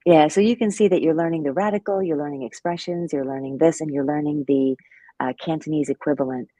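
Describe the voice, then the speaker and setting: Low, mellow-voiced woman teaching casually. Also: steady tone, fast, no room sound, dull audio. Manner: chatty, many fillers, laughs at herself. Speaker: Cantonese teacher co-hosting a live lesson. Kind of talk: casual live-stream teaching chat.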